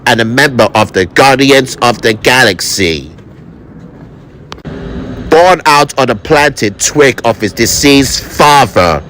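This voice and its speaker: A man narrating a fan video casually, reading haltingly and stumbling over words. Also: medium pitch, fairly bright tone, a little hiss or hum.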